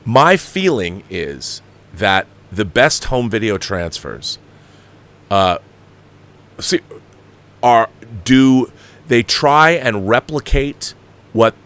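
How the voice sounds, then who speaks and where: With a fairly low, slightly bright voice, a fifties-aged American man hosts an opinionated movie commentary show and reads viewer questions. His pitch swings widely, he draws out words and leaves long pauses, and his exasperated, emphatic manner leads him to repeat himself often.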